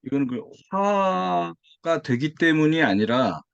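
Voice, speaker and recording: A man's voice: fairly high pitch, expressive, takes it slowly, gravelly, smooth, no echo. A man taking a private online lesson, answering attentively with short conversational replies and questions. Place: online video call. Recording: dry but muffled call audio.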